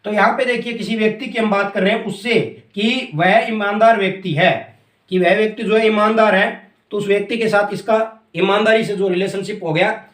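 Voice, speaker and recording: A man's voice: high-pitched, steady tone, normal speed, a bit bright, roomy sound. A man teaching English grammar in a classroom-style lesson, explaining step by step and often checking that students follow. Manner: explains step by step, keeps asking "clear?".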